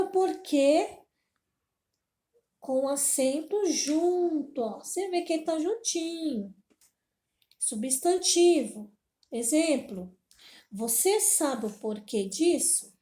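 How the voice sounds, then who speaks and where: A woman's voice: sits high, animated, takes it slowly, long pauses, mellow, reverberant. A woman teaching a grammar lesson, repeating each point and checking in with her listeners often. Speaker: Portuguese teacher.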